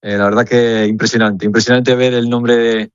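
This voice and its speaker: A young man from Spain, a footballer, answering questions earnestly over the phone, halting and repeating words as he searches. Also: mid-range voice, flat delivery, clear, resonant tone, dry recording, lo-fi sound. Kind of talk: phone interview.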